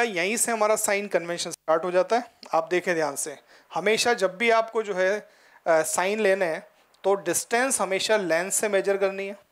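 A high-voiced man in his forties, a physics teacher, lectures his class through a headset mic in a studio in front of a projected board. He explains things, frequently tells students to look carefully, and slips in English terms. While talking, he gestures and points at the board.

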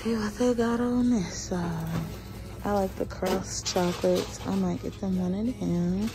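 A woman in her thirties vlogs a shopping trip on a handheld phone, muttering half to herself as she browses a large store in casual shop-along commentary. Her voice is medium-pitched with fairly even intonation and an unhurried pace. Loud store ambience and crinkling packages fill the recording.

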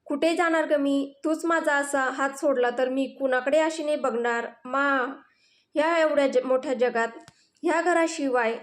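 A woman's voice: high-pitched, roomy sound. A woman doing a tearful pleading daughter. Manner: sobbing, begging, broken restarts.

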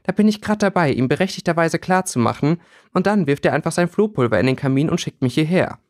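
A man's voice: on the high side, expressive, fast, voice pushed up, natural voice. A man voicing a hot-tempered teenage schoolgirl in an audiobook reading. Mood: indignant. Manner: scolding, indignant.

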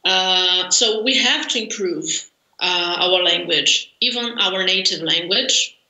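Speaking slowly over a video call from her home, a Brazilian woman with a Brazilian Portuguese accent has a fairly low, sharp-toned voice. As an interview guest and language learner in a conversational interview, she comes across as thoughtful, laughs often and fills her speech with fillers. Her webcam gives the audio a roomy quality.

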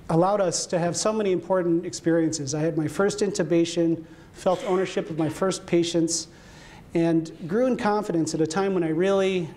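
A man, about in his forties, giving a heartfelt tribute speech at a conference, measured and slowing down to stress his words. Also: high-pitched, darkish tone. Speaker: speaker. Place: conference hall.

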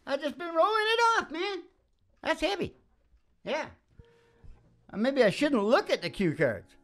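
Speaking into a close stand microphone in a small, dim room during a live performance, a middle-aged musician hosts the show with rambling, casual talk between songs. His voice is very high and a bit bright, with big pitch swings and an unhurried delivery. He comes off folksy and opinionated, repeatedly asking "right?", while acoustic guitar music plays around him.

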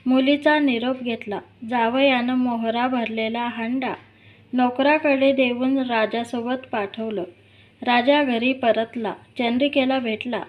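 A woman narrating a devotional folk tale in a steady, recited storytelling manner. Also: on the high side, slow, muffled recording.

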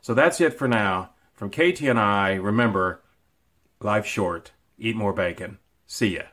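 A man opens a podcast with an upbeat, scripted introduction. His voice sits slightly low, and he reads in a promotional tone. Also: measured pace, a bit bright. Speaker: podcast co-host giving the intro.

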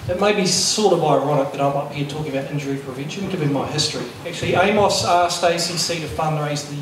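A middle-aged man presenting to a workshop as a fast bowling coach, candid and self-deprecating, speaking into a handheld microphone in a lecture room. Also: a little high, crowd noise. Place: large lecture room with projector. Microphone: handheld mic. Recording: echoey room, distant sound, faint noise.

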